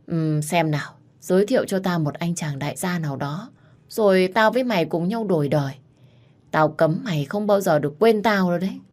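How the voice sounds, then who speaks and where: Woman reading as a loud blunt young woman friend, storybook. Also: fairly low pitch, close to an everyday voice. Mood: teasing.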